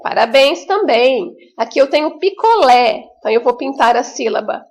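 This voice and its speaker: A woman teaching a remote lesson to young children with a Brazilian Portuguese accent, in a slow, sing-song, encouraging way with drawn-out words. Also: high voice, lively intonation, creaky, darkish tone. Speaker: primary school teacher.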